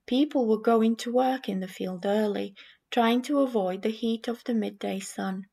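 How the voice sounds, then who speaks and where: A woman from Romania with a Romanian accent, reading scripture and giving a sermon in a measured, reflective way. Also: medium pitch, vocal fry, a little mellow, slightly rough. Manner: measured, reflective delivery with small restarts. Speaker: preacher.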